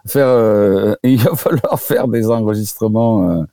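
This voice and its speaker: A man's voice: on the low side, a little slow, dark tone, no room sound, studio quality. A man, a guest doctor, chatting casually on a radio show and hesitating with many fillers and restarts.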